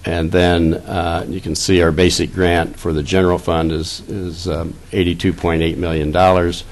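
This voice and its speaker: Seated at the dais with a desk mic, a finance officer for the school district, a man in his fifties, walks the public board meeting through the budget. His deep, level voice stumbles and repeats words as he reads out the numbers.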